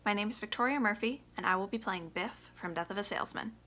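A woman's voice: mid-range voice, quick pace, bright, forceful tone. A young woman, an actor formally introducing an audition piece to camera. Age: young adult. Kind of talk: short formal slate to camera. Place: small plain room indoors.

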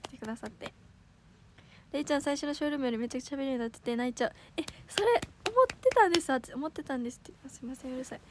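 A teenage girl with a Kansai accent, hosting a casual livestream, chatty and giggly, reading comments aloud and correcting herself quickly. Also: sits high, background noise. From Osaka, Japan. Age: teens. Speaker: idol livestream host.

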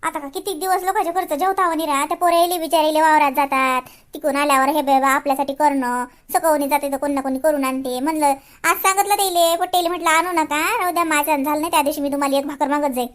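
A woman's voice: sits high, fairly even intonation, fast. A woman playing an old grandmother in a rural comedy sketch, chattering and complaining.

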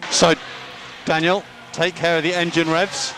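A man's voice: fairly high pitch, flat delivery, a little slow. A man working as a race engineer, giving instructions over race car radio. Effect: team radio. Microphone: radio headset. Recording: noisy race team radio, vehicle noise.

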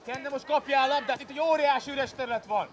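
Man coaching youth football from the sideline. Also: crowd noise. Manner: calls players by name, explains tactics. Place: outdoor football pitch. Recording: noisy outdoor pitch-side recording.

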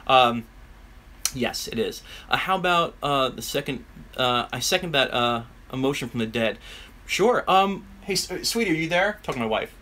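A man's voice: medium pitch, animated, moderate pace, bright, forceful tone. A man giving a casual live-stream guitar lesson from a room at home full of guitars, talking in a rambling, chatty way with lots of ums and uhs. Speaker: guitar teacher.

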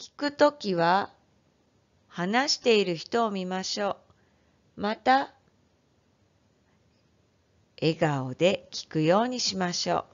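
Woman teacher talking to little kids, slow and super clear, kinda muffled recording. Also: medium pitch. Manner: gentle, slow and clearly enunciated, speaking to young children. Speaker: elementary school teacher. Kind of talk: online lesson for first graders.

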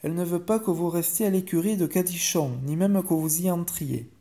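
A man's voice: high voice, fairly quick, warm tone, voice pushed up. A man doing a polite chambermaid. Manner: formal and respectful. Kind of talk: bedtime story reading.

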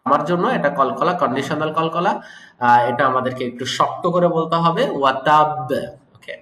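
Bright-voiced Quran recitation teacher, man. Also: fairly high pitch. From Bangladesh. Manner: corrective, repeats and draws out syllables slowly. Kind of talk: tajweed lesson with recitation demos. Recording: echoey room.

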